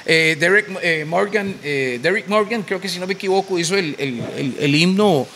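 A man's voice: high-pitched, moderate pace, bright, forceful tone, slight background noise. A man talking as a podcast guest, lecturing on history with many hesitations. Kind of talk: casual podcast chat.

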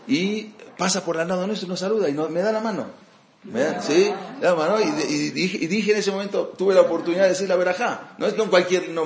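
Male teacher, rough gravelly voice, chatty storyteller, echoey hall sound. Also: medium pitch, slight background noise. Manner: conversational storytelling, frequent fillers and restarts. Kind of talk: informal lecture. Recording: echoey room.

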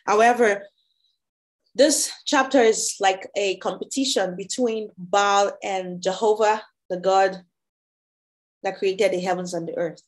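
A woman leading a Bible study, reading scripture aloud slowly and deliberately before explaining it. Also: medium pitch, steady tone. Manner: slow, deliberate reading with pauses.

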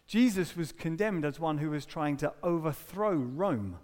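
A man preaching a sermon, talking in a conversational way with rhetorical questions and quick asides. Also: on the high side, lively intonation, a little mellow. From Britain. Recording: long hall reverb.

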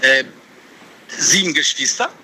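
A man's voice: mid-range voice, expressive, takes it slowly, bright, forceful tone, a little hiss or hum, rough recording. A man calling a radio show from his truck over a hands-free speakerphone, talking hesitantly with many fillers and restarts. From Kosovo. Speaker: caller, truck driver. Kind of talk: call-in radio chat. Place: truck cab on the road.

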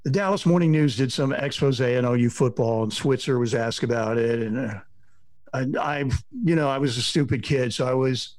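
The speaker is a middle-aged sports reporter chatting casually on a podcast, drifting from story to story and acting out what others said. His medium-pitched voice is a bit mellow, moving at a moderate pace with no room sound.

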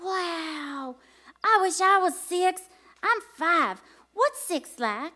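Five-year-old girl, very high, eager kid chatter, slow delivery, radio comedy. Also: expressive, sharp tone, full character voice. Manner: eager, wide-eyed kid talk. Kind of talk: live comedy radio play.

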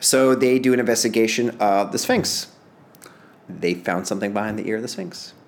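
A man telling a strange story in casual chat, rambling and animated, laughing often and acting out quotes in raised voices. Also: fairly low pitch, moderate pace, slight background noise.

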